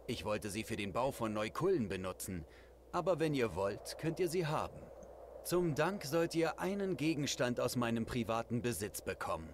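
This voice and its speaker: A man voicing a dignified, grateful male refugee leader in a dubbed game, speaking in a solemn, measured way. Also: medium pitch, big pitch swings, noisy background, natural voice. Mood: gracious. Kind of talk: German game dub.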